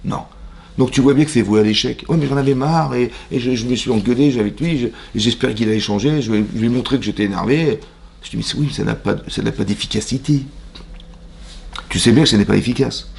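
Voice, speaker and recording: A rabbi teaching a mixed class in a synagogue, talking at a quick clip. His voice is gravelly, with a rough fry at the bottom. He plays both sides of little dialogues and keeps asking the room questions. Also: medium pitch, darkish tone. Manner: asks the audience rhetorical questions and acts out both sides of imagined dialogues; uses Hebrew religious terms in everyday French speech. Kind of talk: lively mixed Torah class to a congregation.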